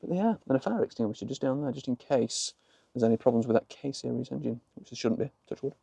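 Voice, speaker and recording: A Yorkshire-accented man talks his way through a casual car vlog in slangy, colloquial British English, moving in and around a small open-top car outside. His mid-range voice is expressive, fast, gravelly, mellow and husky, without echo, over a noisy backdrop of car and outdoor sounds.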